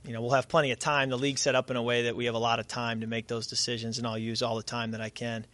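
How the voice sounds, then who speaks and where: A man's voice: mid-range voice, flat delivery, fairly bright tone. Worn out football player fielding questions after the game, lots of uhs and you knows, just catching his breath. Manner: measured, many fillers and restarts. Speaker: quarterback at press conference. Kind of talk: post-game press conference answers.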